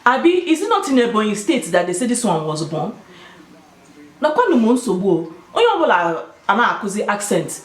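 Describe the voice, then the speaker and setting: With a mid-range voice that's very animated and fairly fast, this woman hosts a video and gives her viewers her opinions in a casual, emphatic way. She has a Nigerian Igbo accent, and the room echoes around her.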